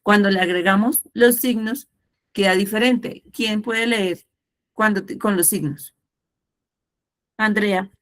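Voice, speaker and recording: A woman's voice: medium pitch, takes it slowly, pauses often, fairly bright tone. A woman teaching a virtual language class over a video call. She explains patiently, wrapping her lesson in a storybook tale with lots of examples. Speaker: Spanish teacher.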